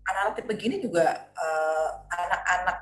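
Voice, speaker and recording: A woman's voice: on the low side, normal speed. A middle-aged woman speaking on a panel as a parent, telling stories animatedly with many fillers. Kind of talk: casual panel discussion. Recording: echoey room, faint ambience.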